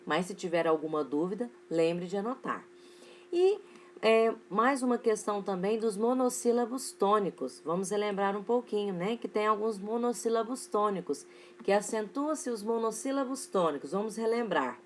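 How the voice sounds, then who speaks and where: Lively female teacher, slow word dictation. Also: medium pitch, slight background noise. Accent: Brazilian Portuguese. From Brazil. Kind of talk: recorded online class for children.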